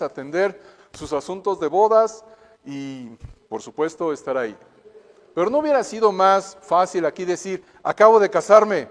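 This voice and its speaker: Guy teaching sunday school, kinda high voice, earnest, acts out quotes, long hall echo. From Mexico. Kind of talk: Bible lesson teaching.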